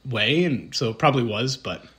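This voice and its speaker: A man's voice: medium pitch, expressive, brisk, fairly bright tone. A man with a Boston accent, co-hosting a casual podcast conversation, rambling with lots of ums and self-deprecating asides. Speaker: podcast co-host.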